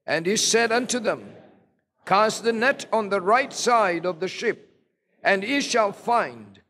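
A man with a high voice reads scripture at a pulpit microphone. Each phrase comes slowly and deliberately, in a reverent tone. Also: lively intonation, bright, forceful tone, slight background noise. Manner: slow, deliberate, reverent reading. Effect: speaking at a pulpit microphone. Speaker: scripture reader. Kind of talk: formal scripture reading.

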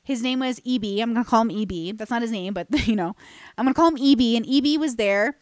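A woman's voice: on the high side, fast talker, darkish tone, dry recording. Chatty young woman, close dry studio mic. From California. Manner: chatty, self-deprecating, many restarts and fillers. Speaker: podcast host. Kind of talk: casual storytelling monologue. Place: bright room with plants. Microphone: boom-mounted studio mic close to mouth.

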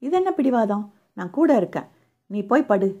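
A woman's voice: a little high, lively intonation, vocal fry, warm tone, slightly rough, lo-fi sound, full character voice. A woman voicing a caring but hot-tempered young man in an audio novel, scolding and firm. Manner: scolding, quick to anger.

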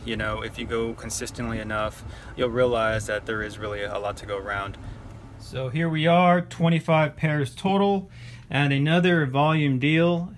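A man in a relaxed, chatty recap to camera, joking at his own slips, sitting in a vehicle. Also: medium pitch, a little hiss or hum. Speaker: sneaker reseller vlogger.

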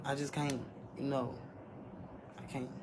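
A man's voice: medium pitch, little pitch movement, measured pace, noisy background. A man in his twenties talking casually to viewers on a live stream, answering chat in a candid, defensive way, from a phone at arm's length in a small room. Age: 20s. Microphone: phone held at arm's length.

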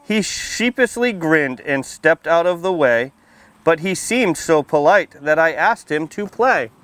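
With a fairly high, fairly bright voice and lively intonation, a firefighter in his thirties talks a little slowly as he reads aloud to young kids. A fire prevention educator, he's friendly and plain-spoken, wearing a face mask outdoors under a canopy on a library lawn.

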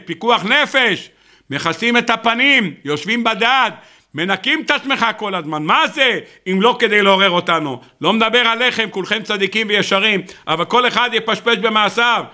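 A rabbi delivering a sermon, an animated storyteller who talks straight to his listeners. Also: high voice. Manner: animated storyteller, acts out the people in his stories; addresses the audience directly. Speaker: rabbi giving a weekly Torah talk.

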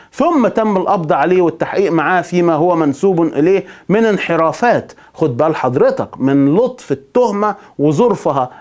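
A man with an Egyptian accent narrating a history documentary. He throws in indignant rhetorical asides to the listener. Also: high-pitched.

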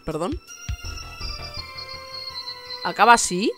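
A woman with a Spain Spanish accent doing let's play commentary at home, excitable and sweary, switching into broken English and snatches of song. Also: medium pitch, takes it slowly, over music. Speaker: gaming streamer. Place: home room with a fan.

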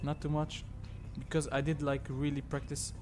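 A young man from Tunisia hosts a racing game livestream, his voice sitting a bit high for a man. He answers chat casually in English that is not his first language, full of "like" and "you know". Loud music plays under him. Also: monotone. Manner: halting, filler-heavy, reads chat aloud and thanks subscribers. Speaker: livestream host.

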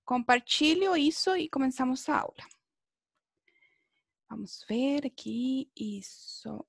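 Leading an online video lesson for beginners in Portuguese from an indoor room, this language teacher has a high voice with vocal fry and a breathy edge. She's expressive and slow, cheering her students on and checking understanding with small tag questions. The sound is dry, with very little room in it.

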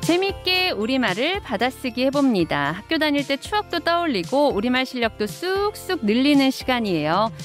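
Female radio presenter, higher-pitched and animated, over-enunciating carefully for a dictation quiz. Dry studio sound. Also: music in the background. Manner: over-enunciates, slow, deliberate word-by-word delivery. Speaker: radio DJ and host. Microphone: studio desk microphone, close, through a face mask.

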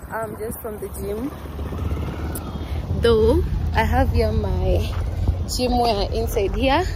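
A woman's voice: on the high side, noisy background. A young woman vlogging casually at home and on her way back, chatting to the camera in a confiding way. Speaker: vlogger and mother. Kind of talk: casual vlog chat. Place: at home, later walking outdoors.

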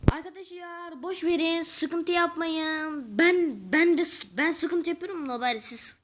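High-voiced woman doing excitable game commentary. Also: unhurried, a little hiss or hum. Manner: excitable, talks to viewers, mutters and whispers asides to self. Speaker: gaming channel host. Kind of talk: let's-play commentary.

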